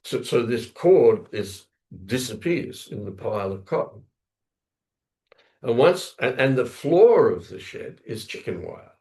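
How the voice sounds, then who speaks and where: A man's voice: medium pitch, big pitch swings, unhurried, darkish tone. A man giving a scripture class, telling a story in a rambling way, often correcting himself and acting out sounds with his voice. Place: temple lounge class, indoors.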